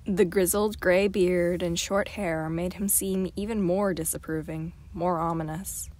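Woman, amateur audiobook narrator, somewhat low voice, steady clear storytelling. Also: measured pace. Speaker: audiobook reader.

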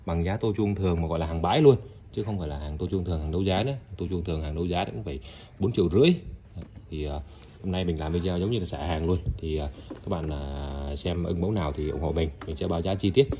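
A man's voice: deep voice, quick pace, dark tone, a little hiss or hum. A man selling goods in a casual, chatty video showcase, often repeating himself and addressing viewers directly. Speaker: online seller of used Japanese rice cookers. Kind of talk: casual product showcase and sales talk. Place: indoor tiled room, products on the floor.

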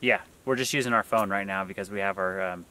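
A man in his thirties chatting casually on a hike in the woods, relaxed and loose with many fillers. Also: low-pitched, fast talker. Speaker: vlogger. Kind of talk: casual outdoor vlog chat. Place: outdoors in the woods by a lake. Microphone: camera mic, some distance away. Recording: distant outdoor mic with noticeable noise.

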